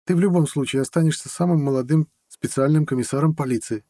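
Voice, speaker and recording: Guy doing a playful young girlfriend voice, teasing and giggly, higher than his own. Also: fast, mellow, no echo, clean studio sound, lightly acted. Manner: light, teasing, giggly speech.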